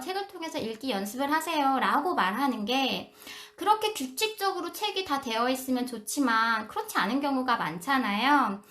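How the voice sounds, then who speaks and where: A woman teaching English phonics to parents on a live stream, explaining and slowly demonstrating sounds. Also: high voice, fairly bright tone.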